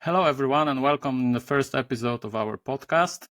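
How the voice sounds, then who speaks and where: A male podcast host with a mid-pitched voice asks questions haltingly. He fills his pauses with many hesitation sounds. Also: fairly bright tone. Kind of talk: conversational interview.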